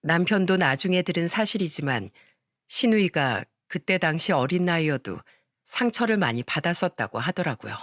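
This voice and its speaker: A woman reading a scripted first-person story in an even storytelling manner. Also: lowish voice, moderate pace, dry recording. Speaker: story narrator.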